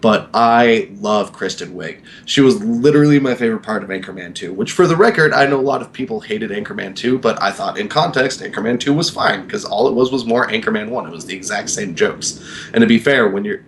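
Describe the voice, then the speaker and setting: A man's voice: fairly low pitch, fairly quick, slight background noise. A man in his mid-twenties chatting casually on a podcast, rambling with lots of fillers and swearing freely. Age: 20s. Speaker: podcast co-host. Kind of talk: casual chat.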